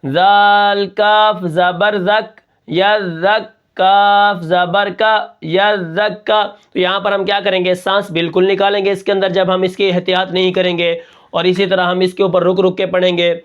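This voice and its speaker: A male Quran reading teacher, explaining step by step and spelling syllables out slowly with rhetorical questions. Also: high-pitched, clear, resonant tone, lo-fi sound. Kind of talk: spoken lesson on Quran spelling.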